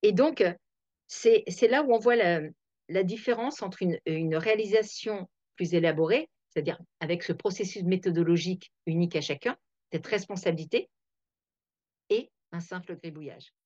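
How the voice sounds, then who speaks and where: A woman's voice: lowish voice, normal speed, darkish tone, no room sound. A woman hosting a reflective talk, thinking aloud with many fillers and restarts. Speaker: host. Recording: dull, dry lo-fi sound.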